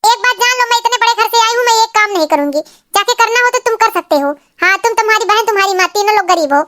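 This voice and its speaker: A woman's voice: very high-pitched, lively intonation, fast, a bit bright. A woman voicing a haughty rich sister-in-law. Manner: proud and snappish. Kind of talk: cartoon voice acting.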